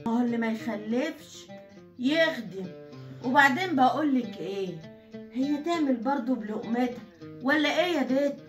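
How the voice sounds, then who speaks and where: A high-voiced, bossy Egyptian mother-in-law, played by a woman, barks orders and belittles her daughter-in-law. The voice rings in an echoey room, with soft guitar music behind it. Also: expressive, normal speed, far from the mic. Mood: scornful. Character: harsh scolding Egyptian mother-in-law, middle-aged.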